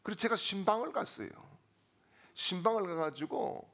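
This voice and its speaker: A middle-aged man preaching a sermon as pastor, building to shouted refrains and telling humorous stories with voices. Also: high-pitched, lively intonation, normal speed.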